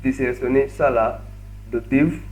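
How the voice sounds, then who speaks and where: Man, course trainer, screen-share walkthrough, repeats words, mid pitch, faint background hum. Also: steady tone, normal speed, a little mellow. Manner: narrates each click step by step, repeats words.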